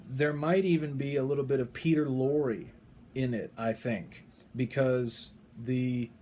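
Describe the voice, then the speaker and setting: A man's voice: medium pitch, measured pace, darkish tone, a little hiss or hum. A man casually explaining to camera with frequent fillers and restarts. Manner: chatty, hesitant, frequent um and restarts. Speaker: video creator.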